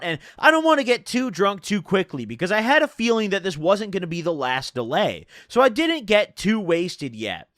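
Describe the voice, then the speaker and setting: A young man telling a casual personal story in laid-back stoner slang, swearing freely and punching his words with animated emphasis. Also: sits high, dry recording, clean studio sound.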